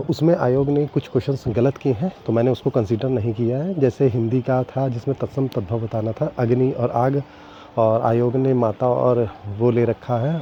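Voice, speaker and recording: Sounding regretful, a young man vlogs casually to his viewers about his teacher exam scores, rambling and frequently starting over. His voice is medium-pitched with a dark tone, and the dull lo-fi audio has faint ambience plus a little hiss or hum.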